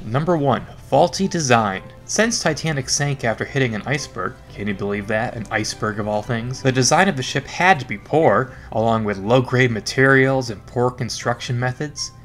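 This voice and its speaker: A man's voice: medium pitch, normal speed, few pauses, a bit bright, faint music behind. A man narrating a scripted history lesson in an informal, wry and sarcastic way. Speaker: history educator.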